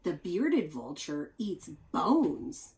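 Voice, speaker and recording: Reading a children's nonfiction book aloud in a teacherly way, a woman explains things expressively and tosses in chatty asides for young listeners. Her voice sits lowish, and she goes very slowly.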